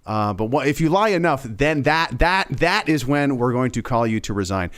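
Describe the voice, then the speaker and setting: A man's voice: mid-range voice, expressive, normal speed, fairly bright tone, clean tone. A young man hosting a casual political commentary livestream, sarcastic and emphatic, repeating words for effect.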